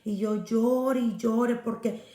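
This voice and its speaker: A woman's voice: fairly high pitch, steady tone, takes it slowly, warm tone. A woman pastor giving an earnest personal faith testimony, speaking directly to her listener. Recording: roomy echo.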